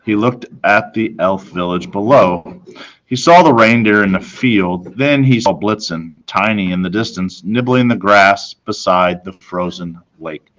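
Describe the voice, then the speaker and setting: A teacher with a fairly low voice reads a children's novel aloud, expressive and dramatic, phrasing things deliberately as a storyteller would. The recording is rough.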